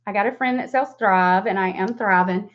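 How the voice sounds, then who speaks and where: Mid-range in pitch and moderate in speed, she's a makeup seller hosting a beauty livestream. The forties-aged woman's Southern drawl carries her casual, rambling tutorial chat, dotted with jokes at her own expense, through a dull, lo-fi webcam stream.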